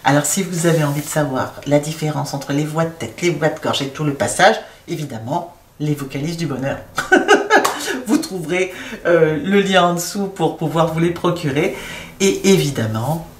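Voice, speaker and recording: A woman's voice: low voice, moderate pace, a little mellow, far from the mic, slight background noise. A woman teaching singing, explaining vocal registers and breaking into short sung demonstrations. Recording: echoey room, voice a bit off mic.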